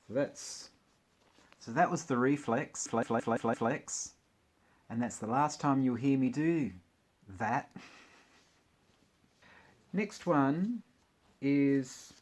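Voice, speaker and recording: A man's voice: medium pitch, a little mellow. A man chatting casually about his record collection, with wry, jokey asides. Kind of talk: casual chat while unboxing records.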